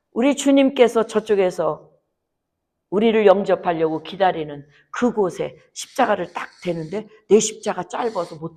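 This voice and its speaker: Woman preacher, sermon in church; hushed asides that surge into loud impassioned appeals. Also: slightly rough. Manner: rises to loud, high impassioned pleading, drops to near whisper. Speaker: pastor. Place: church sanctuary.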